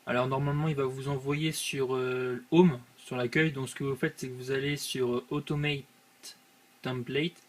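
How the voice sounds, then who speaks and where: A man's voice: medium pitch, fairly even intonation, normal speed. A young man hosting his channel, walking viewers through a website step by step with many hesitant filler sounds. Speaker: channel host. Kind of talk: screen-recorded software tutorial.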